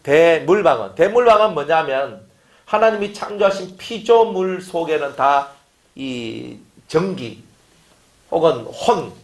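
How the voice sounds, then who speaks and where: Male pastor, sermon, rhetorical questions, very animated delivery, reverberant room. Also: a little high. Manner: lively preaching with rhetorical questions and acted-out quotes. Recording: echoey room.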